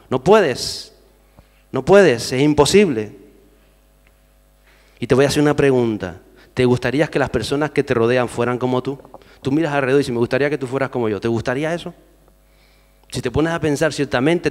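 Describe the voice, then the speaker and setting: Preaching man in a reverberant hall. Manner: swings between loud exhortation and low quiet asides; addresses the congregation with repeated questions. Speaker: pastor. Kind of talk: sermon.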